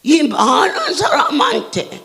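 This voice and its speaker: A man preaching a revival sermon as a pastor, telling stories in an animated way and breaking into laughing shouts. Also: very high voice, slow pace, gravelly. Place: large church hall. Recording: long reverb of a large church hall.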